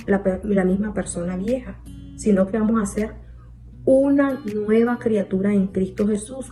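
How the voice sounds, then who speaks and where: Slow, mellow woman preaching over soft guitar. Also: mid-range voice. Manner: retells scripture, asks listeners "¿verdad?" and "¿ves?". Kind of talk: sermon. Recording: soft guitar music behind.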